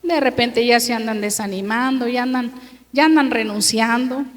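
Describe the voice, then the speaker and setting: A woman pastor preaching a sermon in a church, emphatic and drawing out her words as she quizzes the congregation with repeated questions. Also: on the high side. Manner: slow, drawn-out reading of scripture verses. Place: church sanctuary. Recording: long hall reverb.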